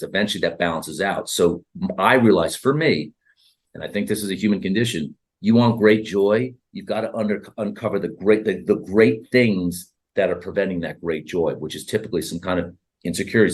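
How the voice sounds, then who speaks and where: This therapist and author, a man in his 30s, speaks briskly in a low-pitched voice. He's animated during the interview conversation and acts out exchanges with his clients.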